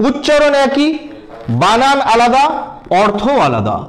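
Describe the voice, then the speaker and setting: A man's voice: very high voice, wildly swooping pitch, fairly bright tone, low-quality recording. A man teaching English grammar in a spoken lesson, repeating points and spelling words out letter by letter while calling his viewers friends. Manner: repetitive, spells words out letter by letter, slow deliberate emphasis. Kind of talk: spoken lesson explaining word meanings.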